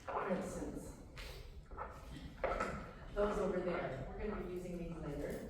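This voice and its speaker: A woman presenting a music workshop to adults, lively and animated, often breaking into short sung examples. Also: lowish voice, measured pace. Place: large echoey hall. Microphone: distant from the microphone. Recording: roomy echo, distant, noisy.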